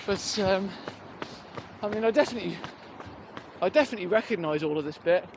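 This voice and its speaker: A British man with a fairly high voice chats to his vlog while running. He rambles and hesitates, thinking out loud in a casual, unscripted way. The handheld outdoor recording is clearly noisy. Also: brisk. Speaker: running vlogger. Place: outdoors on a rural riverside footpath. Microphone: handheld phone or recorder on the move.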